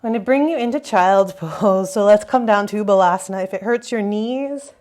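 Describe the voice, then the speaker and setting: A woman teaching a yoga class, giving calm step-by-step cues for breath and movement. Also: medium pitch, moderate pace. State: slightly out of breath at times. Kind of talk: guided yoga class instruction.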